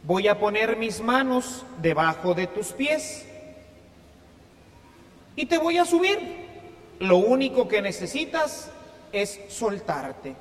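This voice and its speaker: A priest voicing a calm fatherly divine voice. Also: sits high, slow, pauses often, long reverb tail, full character voice. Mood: reassuring. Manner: gentle, reassuring.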